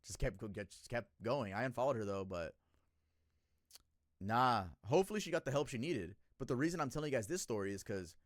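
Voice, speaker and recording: A young man in his twenties talks to his stream chat in a lively, swooping voice, bursting loud and then dropping to a mutter. His talk is casual and full of swearing. The sound is close and dry, with no room around it. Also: brisk, dry recording. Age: 20s. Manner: animated, emotional, profane, swings between loud outbursts and low muttering. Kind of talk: casual livestream storytelling to chat.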